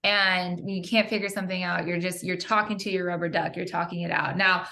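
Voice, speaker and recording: A woman, a software engineer, talking through her workday in a chatty, upbeat way with students on a panel. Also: fairly low pitch, steady tone, a little fast, creaky. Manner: upbeat, chatty, many "like" and "you know" fillers. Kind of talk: casual panel talk with students.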